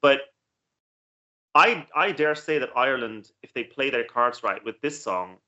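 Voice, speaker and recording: A man co-hosts a casual reaction chat, laying out opinions in an analytical way. His voice is bright and forceful, and he often repeats words as he gathers a point. The recording sounds dull and lo-fi. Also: mid-range voice, animated, a little slow. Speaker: co-host reacting to songs.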